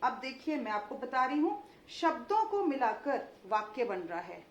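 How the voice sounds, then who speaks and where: A woman teaching children Hindi vowel signs, breaking words into syllables slowly and clearly. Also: high voice, very animated. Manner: slow, syllable-by-syllable pronunciation for children. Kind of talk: children's phonics lesson. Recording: echoey room with faint ambient noise.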